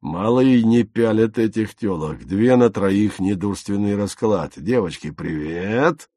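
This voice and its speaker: A loutish, drunken army sergeant, mocking and coarse. A male narrator acts him out in a low, dry-sounding read, jumping between brash yelps and growled lines. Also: lively intonation, measured pace, mellow, no echo. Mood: leering. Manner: coarse, leering. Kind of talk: audiobook character reading.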